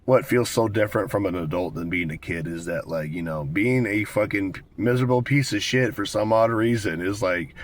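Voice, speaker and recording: An American man in his twenties with a cold and a raspy smoker's voice, chatting casually and candidly to viewers with plenty of swearing. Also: fairly low pitch, moderate pace, hardly any pauses. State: hoarse with a cold, smoker's rasp. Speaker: vlogger. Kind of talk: casual rambling talk to viewers.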